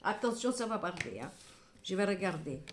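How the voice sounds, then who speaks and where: A woman's voice: mid-range voice, big pitch swings, moderate pace, slight background noise. Middle-aged woman tarot reader, emphatic, scolding then consoling, in an echoey room. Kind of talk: tarot reading to camera.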